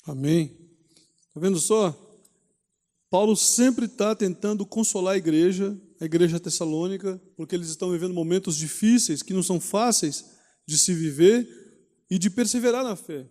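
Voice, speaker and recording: High-voiced pastor in an echoey hall. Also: male voice, normal speed, dark tone. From Brazil. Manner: conversational preaching, asks rhetorical questions, frequent "né?". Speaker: pastor teaching a Bible study. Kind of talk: sermon teaching.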